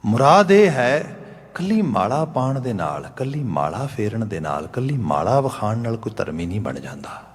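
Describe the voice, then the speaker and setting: A man giving a Sikh religious discourse, slowly chanting scripture lines and retelling a parable with its dialogue. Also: medium pitch, very animated, breathy edge. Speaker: Sikh preacher giving katha. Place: gurdwara hall. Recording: long hall reverb.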